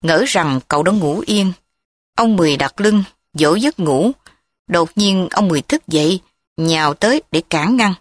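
A woman narrating a story in a steady, plain reading voice. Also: fairly low pitch, moderate pace, no room sound.

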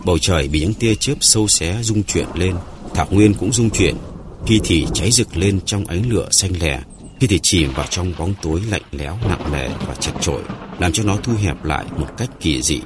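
A man narrating a dramatic story in a measured, dramatic way. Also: low-pitched, animated, noisy background.

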